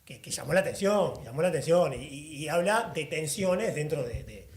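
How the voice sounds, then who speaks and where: A man, co-hosting a casual political chat podcast, chiming in fast and repeating phrases. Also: a little high, lively intonation, roomy sound. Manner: quick interjections, repeats phrases. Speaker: podcast co-host.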